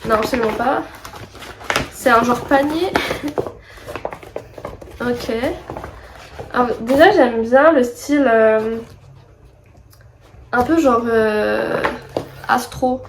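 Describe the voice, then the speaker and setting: A woman's voice: fairly high pitch, slow pace, pauses often, a little hiss or hum. A young woman vlogging a book box unboxing, chatty and rambling with many fillers and asides. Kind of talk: casual unboxing vlog.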